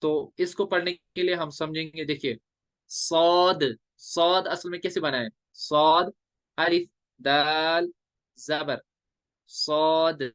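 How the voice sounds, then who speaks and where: A male teacher explaining recitation rules step by step, drawing out letters in slow chanted examples. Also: fairly high pitch, fairly even intonation, fairly bright tone, no echo. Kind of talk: classroom lecture on recitation rules.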